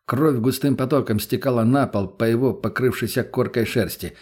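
A man's voice: medium pitch, moderate pace, darkish tone, breathy edge. A man narrating an audiobook in a blunt, crude, matter-of-fact way.

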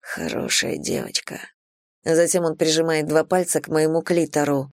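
A woman narrating a first-person romance audiobook in an even, intimate, low-key reading. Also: fairly quick, no echo, studio quality.

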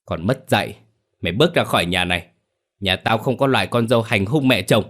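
A man's voice: on the low side, a little fast, fairly bright tone. A man voicing a harsh older father-in-law who scolds his daughter-in-law. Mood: angry.

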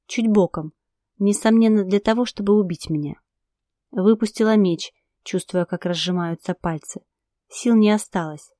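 A woman narrating a first-person novel with an expressive, dramatic delivery. Her voice is mellow and warm. The recording sounds dry and close. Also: mid-range voice, dry recording. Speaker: audiobook narrator.

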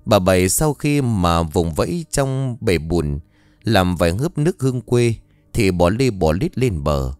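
A man narrating an audio story with expressive storytelling. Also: sits low, measured pace, clean tone, no echo, faint music behind.

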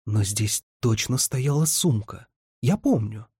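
A man's voice: medium pitch, expressive, takes it slowly, mellow, breathy edge, no echo, clean studio sound, exaggerated voice. A man reading the lines of a spirited, teasing young woman in an audiobook, lifting his voice somewhat for her.

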